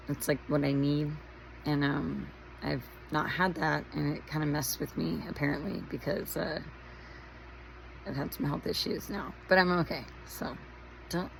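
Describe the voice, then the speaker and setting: A woman with a hoarse, raspy voice from shouting, telling rambling stories in a chatty, casual vlog. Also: sits low, a little hiss or hum, rough recording. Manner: rambling, chatty, lots of fillers and tangents. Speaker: vlogger. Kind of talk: casual storytelling monologue.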